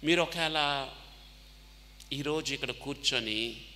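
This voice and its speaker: Slow, bright-voiced man preaching in a hall. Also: mid-range voice, a little hiss or hum. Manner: asks rhetorical questions and has the crowd answer aloud; mixes English words and phrases into his talk. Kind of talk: sermon to a student audience. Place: large hall with hundreds of listeners. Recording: long hall reverb.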